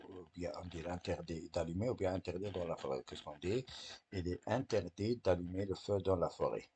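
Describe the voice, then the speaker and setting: A man's voice: sits low, darkish tone, a little hiss or hum. A man teaching French to young pupils, patiently correcting a test step by step and answering his own questions; French is not his first language. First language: Arabic.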